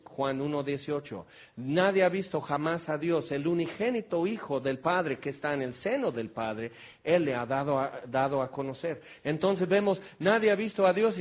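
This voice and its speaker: A Mexican man preaches a sermon in an animated way, moving from low, quiet scripture reading to excited shouting. His storytelling is conversational and folksy, sprinkled with fillers like "este".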